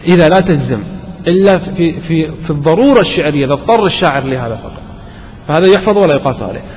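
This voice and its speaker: A man teaching a classroom grammar lesson, quizzing his students and repeating examples slowly. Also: on the high side, lively intonation, darkish tone. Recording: long hall reverb, faint background noise.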